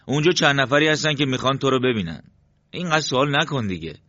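A man's voice: mid-range voice, bright, forceful tone, no echo, highs cut off, voice pushed up, lightly acted. A man voicing a young man who dodges questions and urges someone along in a storybook reading. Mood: evasive. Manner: evasive, urging. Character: young man, evasive and hurried brother.

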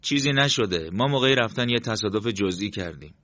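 A man's voice: on the low side, expressive, pushed and bright, dry recording, dull audio, voice pushed up. A man voicing a young man who dodges questions and urges someone along in a storybook reading. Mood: evasive. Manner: evasive, urging. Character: young man, evasive and hurried brother.

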